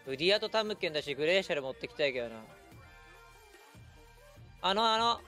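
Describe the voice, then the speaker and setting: Guy streaming a game, super animated voice, yelling at stuff, music faint in the back. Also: high voice. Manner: excitable, quick shouted reactions. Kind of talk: live gameplay commentary.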